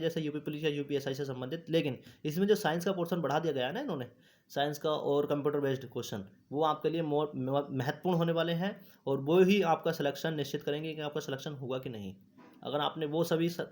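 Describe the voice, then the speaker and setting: A host of an exam news channel, a man with a slightly high, somewhat mellow voice, gives exam candidates a casual, instructive explainer. He repeats his points and frequently checks that his listeners are keeping up.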